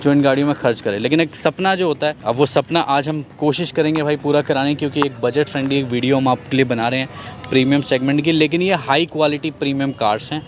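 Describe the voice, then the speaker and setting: A man's voice: mid-range voice, fast talker, slight background noise. A man presenting a car sales vlog in a conversational way, repeating key points for viewers.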